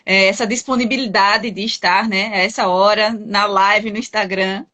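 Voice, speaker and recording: A woman's voice: mid-range voice, fairly even intonation, normal speed, sharp tone. A woman from Brazil hosting a live-stream interview, giving polite, formal thanks and announcements.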